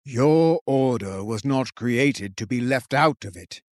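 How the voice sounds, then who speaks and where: A man voicing an ancient resurrected king who speaks slowly and gravely in an audiobook. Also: mid-range voice, expressive, no echo, clean studio sound. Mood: stern. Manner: slow, grave, measured. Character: ancient resurrected male king, commanding, solemn. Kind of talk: audiobook character voice.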